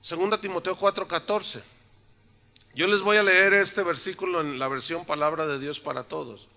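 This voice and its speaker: Pastor preaching, jokey and conversational with the congregation; high, very bright voice. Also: male voice, steady tone, moderate pace, gravelly. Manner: joking, asks the congregation rhetorical questions. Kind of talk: sermon. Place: church, in front of a congregation.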